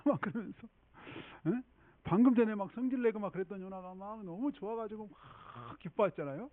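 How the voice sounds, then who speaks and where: A man's voice: high voice, a little fast, no room sound. A male pastor preaching a sermon in a chatty storytelling way, often checking in with the congregation. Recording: tinny phone-like dry sound.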